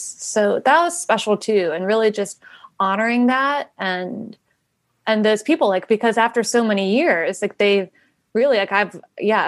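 A woman's voice: mid-range voice, dry recording. Woman, interview guest, rambling, filler-heavy, dry recording. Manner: rambling, many fillers and restarts. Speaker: guest, nonprofit founder. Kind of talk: casual interview answers.

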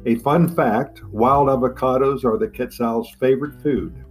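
A man's voice: medium pitch, unhurried. A man narrating in a nature documentary style as a podcast host, with enthusiastic, promotional delivery. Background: plucked guitar music.

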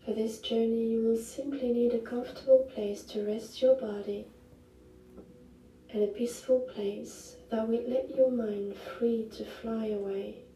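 A woman narrating a guided meditation in the gentle, hushed, unhurried manner of a sleep story narrator, with long pauses. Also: fairly high pitch, fairly even intonation, slight background noise. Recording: roomy echo, distant mic, music behind. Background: music.

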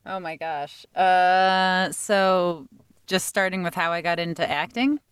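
A woman voice actress chatting about her start in voice acting, self-deprecating and animated. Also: on the low side, slow pace, clear, resonant tone, dry recording, studio quality. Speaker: voice actress guest. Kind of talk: casual interview storytelling.

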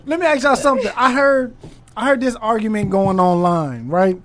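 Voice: mid-range voice, normal speed, a bit bright. A host in a casual chat, asking questions in a playful, curious way and laughing often.

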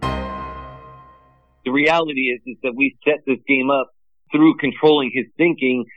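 A man's voice: medium pitch, fairly even intonation, unhurried, faint music behind. A man, an interview guest, explaining casually and animatedly how things work, on a phone-like line. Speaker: interview guest, former street hustler. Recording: tinny narrow phone-like line.

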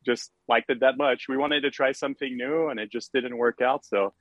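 A man's voice: mid-range voice, fairly even intonation, moderate pace, a bit bright, dry recording. Man, French accent, middle-aged, casual guest chat, chatty, dull lo-fi sound. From France. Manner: chatty, many fillers, laughs easily. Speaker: podcast guest.

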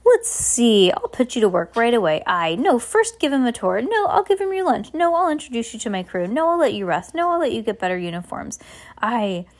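A woman's voice: on the high side, sing-song, voice pushed up. A woman voicing a hyper, blustering male submarine captain in a children's storybook, rambling, exclaiming and contradicting themselves. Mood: bustling, rambling. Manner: rambling, self-contradicting, exclamatory rapid-fire talk. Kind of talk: children's storybook read aloud.

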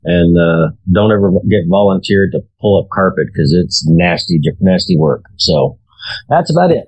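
A man's voice: low voice, expressive, a little slow, a little mellow, breathy edge, dry recording, rough recording. A man co-hosting a podcast, making dry little jokes. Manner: dry joking. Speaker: podcast co-host. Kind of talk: casual podcast chat.

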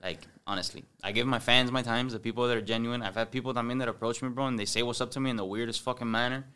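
A man with a Miami accent talks fast in a casual podcast chat, with a smooth, clear voice. He acts out his encounters with strangers in animated bursts and mixes Spanish into his English. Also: mid-range voice. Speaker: podcast guest, comedy influencer.

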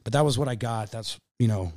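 A man in his thirties with a Midwestern American accent appears as a podcast guest, telling an emotional story haltingly, repeating himself and calling the host "man." His voice is mid-range and a little mellow. The recording is studio quality with no room sound.

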